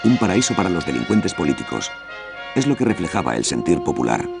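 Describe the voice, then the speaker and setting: Very deep, gravelly documentary narrator, male. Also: big pitch swings, brisk, music in the background.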